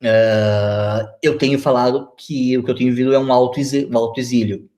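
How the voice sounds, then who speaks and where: A man's voice: mid-range voice, steady tone, fairly quick, a little mellow. A Brazilian man in his forties, a guest on a video-call interview, talking reflectively with many fillers and restarts. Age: 40s.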